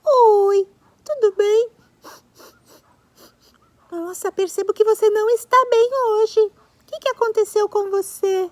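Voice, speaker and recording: A woman's voice: extremely high pitch, takes it slowly, long pauses, mellow, dry recording, voice pushed up. Woman doing a sweet caring little giraffe. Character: kind little female giraffe friend, gentle and caring.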